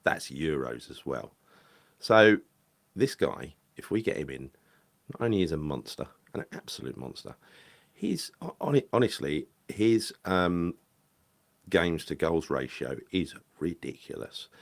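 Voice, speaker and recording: Talking football alone on his podcast, a man meanders through the topic with frequent fillers, hesitations and self-corrections. He has a very deep, gravelly voice with big pitch swings and a slightly slow pace.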